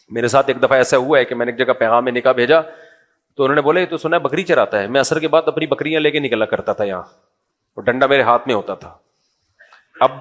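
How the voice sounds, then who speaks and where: A man's voice: medium pitch, a bit bright. A middle-aged man, a religious scholar, giving a humorous, conversational religious talk and quizzing his audience.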